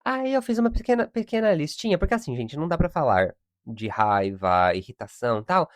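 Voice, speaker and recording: A man's voice: on the high side, big pitch swings, fairly quick, no room sound, clean studio sound. A young man hosts a solo podcast, ranting in exasperation about everyday annoyances and laughing often. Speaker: podcast host. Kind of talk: casual solo podcast monologue.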